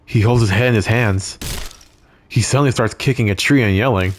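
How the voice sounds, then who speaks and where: A man's voice: fairly low pitch, brisk, a little hiss or hum. A man hosting a game video, reading the game text aloud and reacting with jittery swearing and nervous laughs. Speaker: let's play host.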